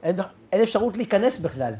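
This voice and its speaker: A man's voice: high-pitched, very animated, mellow. A man, a rabbi, telling a personal story in a sermon, acting out the dialogue and adding sound effects.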